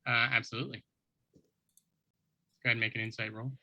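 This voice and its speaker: A man improvising narration as a game master, informal and descriptive in a halting way. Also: fairly low pitch, flat delivery, bright, forceful tone, no echo, muffled recording.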